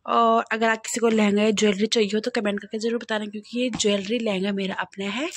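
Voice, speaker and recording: A woman's voice: mid-range voice, little pitch movement, fast, slight background noise. A young woman with an Uttarakhand Hindi accent, vlogging in a playful, chatty way as she shows her wedding album and laughs often. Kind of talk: casual chat to camera.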